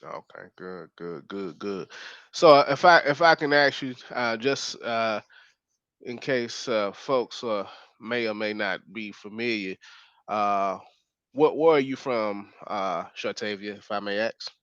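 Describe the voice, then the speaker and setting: A man from Dallas, interviewing a local mother in a careful, halting way with lots of "uh". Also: on the low side, a bit bright, smooth, no echo. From Dallas, Texas. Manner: careful, halting questions full of "uh". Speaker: street reporter and interviewer. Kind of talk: community interview. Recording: dull, slightly lo-fi audio.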